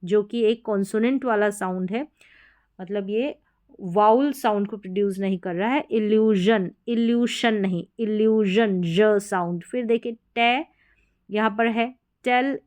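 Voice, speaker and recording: A woman's voice: medium pitch, normal speed, a little mellow. A woman teaching English spelling rules in a Hindi lesson, patiently repeating each word several times.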